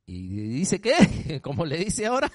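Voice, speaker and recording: High-pitched pastor guy preaching, keeps asking the crowd questions, dry close sound. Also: huge pitch swings, unhurried, no echo. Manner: emphatic, questions the congregation directly. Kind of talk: sermon.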